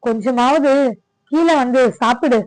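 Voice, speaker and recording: A woman's voice: high voice, unhurried, no room sound, poor audio. A woman voicing a fussy, pleading mother-in-law. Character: fussing older mother-in-law Gajalakshmi.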